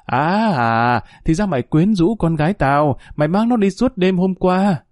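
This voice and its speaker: Shrill spiteful old village woman, as a man puts her on. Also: animated, unhurried, darkish tone, no echo, clean studio sound. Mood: shrieking abuse. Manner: screeching, abusive.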